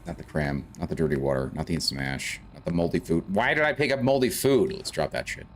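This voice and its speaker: Deep and animated, a South African man talks quickly as he streams a game, chatting and rambling through his thoughts. The recording carries a little hiss or hum along with faint game music.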